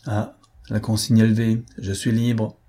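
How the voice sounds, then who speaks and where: Man doing a cool gentleman detective. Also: lowish voice, a little slow, a little hiss or hum, close to an everyday voice. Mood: wry. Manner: calm, firm and reasoning.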